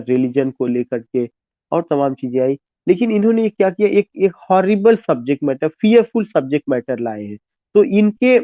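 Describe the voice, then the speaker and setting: A man's voice: fairly high pitch, no echo. A man with an Indian accent giving an exam-prep literature lecture, switching between Hindi and English, repeating points and spelling words letter by letter. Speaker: teacher. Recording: tinny phone-like dry sound.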